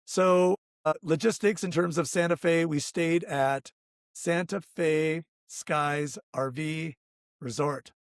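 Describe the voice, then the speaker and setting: Hoarse, gravelly man chatting on a vlog. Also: a little high, fairly even intonation, takes it slowly, no echo, studio quality. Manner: chatty, leads the conversation. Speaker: co-host of an RV travel vlog. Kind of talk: casual chat.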